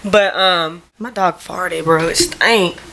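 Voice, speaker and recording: A woman's voice: on the low side, slow, gravelly, pushed and bright, slight background noise. A young adult woman hosting her own podcast at home, chatting in a loose, rambling way, full of "like" and casual slang. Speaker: podcast host. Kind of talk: casual solo podcast chat. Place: at home in front of a camera.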